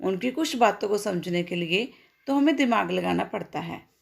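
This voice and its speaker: A woman's voice: medium pitch, animated, creaky. A woman reading the part of a young husband who dodges a nosy neighbor with excuses and jokes. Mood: evasive. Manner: hurried excuses, light jokes. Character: flustered young husband, evasive and joking.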